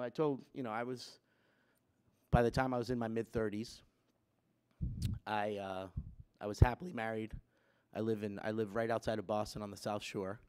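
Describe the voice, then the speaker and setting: The speaker is a man in his fifties from Puerto Rico, with a clear, resonant, medium-pitched voice, giving students a personal talk at a chapel lectern. His tone is conversational with many fillers and builds in emphasis; a gooseneck mic picks him up in a wood-panelled school chapel, with students seated behind.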